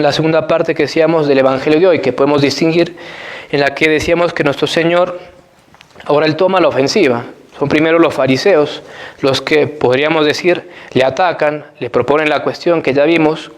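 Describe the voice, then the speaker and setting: A priest preaching a Sunday sermon in Spanish-language Mass, explaining scripture in a measured, repetitive teaching manner. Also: male voice, a little high.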